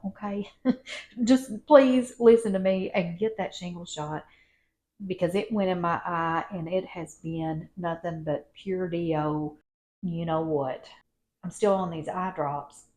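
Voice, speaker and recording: A woman's voice: on the low side, takes it slowly, a little mellow, slight background noise. A woman, chatting casually in a rambling, folksy way as she tidies her home and talks to viewers on a clip-on mic. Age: 50s. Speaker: lifestyle vlogger. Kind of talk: casual home vlog chat. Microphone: wired clip-on mic.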